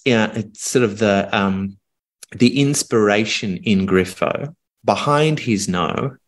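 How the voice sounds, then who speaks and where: A middle-aged man working as a communication coach, talking calmly and earnestly in reflective phrases with pauses during a podcast coaching conversation. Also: fairly low pitch.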